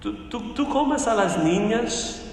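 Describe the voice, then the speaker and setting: A man's voice: sits high, unhurried, a little hiss or hum. A man doing a timid, stammering little girl. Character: thirsty, frightened young girl. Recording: echoey church hall.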